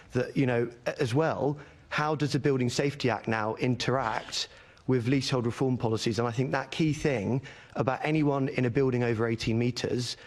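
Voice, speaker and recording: Earnest man giving committee evidence. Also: mid-range voice. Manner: earnest, argumentative, repeats words for emphasis. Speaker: leaseholder campaigner giving evidence. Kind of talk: formal committee testimony.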